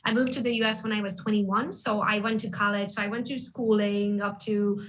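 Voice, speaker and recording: A woman from Romania, a guest in an interview, telling her story in a candid, lively way and often checking in with "right?". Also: medium pitch, brisk, slight background noise, rough recording. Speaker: guest, real estate agent. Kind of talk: casual interview talk.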